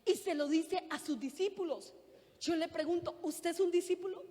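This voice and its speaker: A woman's voice: very high voice, normal speed, warm tone, in a large hall. A middle-aged woman preaching a sermon, earnest, putting questions to the congregation. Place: church.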